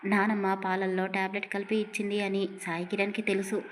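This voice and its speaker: A woman's voice: mid-range voice, flat delivery, a little fast, slight background noise. Woman storyteller, scripted narration of a romantic audio story, emotive and dramatic delivery.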